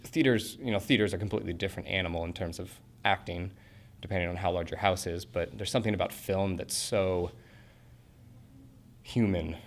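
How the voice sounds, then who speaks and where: Low-pitched and speaking a touch quickly, this twentysomething from Portland, Oregon answers interview questions casually about acting school. He's earnest but rambling, full of fillers and false starts.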